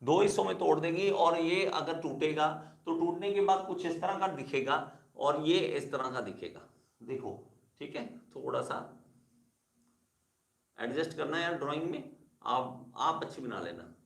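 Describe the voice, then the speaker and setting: A man's voice: fairly high pitch, expressive, moderate pace, creaky, reverberant. A male engineering teacher giving a classroom lecture, repeating key terms and calling his students kids. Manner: repetitive, addresses students as kids.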